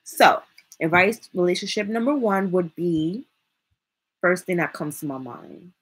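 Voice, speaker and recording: A woman streamer talks casually to her viewers with a slight lisp and a husky, breathy tone. Her voice sits a little low. She rambles and pauses to think between her points of advice. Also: expressive. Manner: rambling, thinks aloud, uses fillers. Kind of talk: casual live-stream talk.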